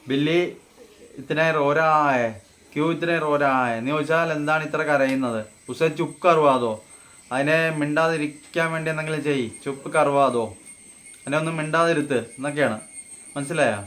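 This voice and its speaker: A man teaching everyday phrases, saying each example slowly and then explaining it. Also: a little high, fairly bright tone. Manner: slow, deliberate model phrases, then explained in Malayalam. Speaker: Hindi teacher. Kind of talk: casual spoken-Hindi lesson.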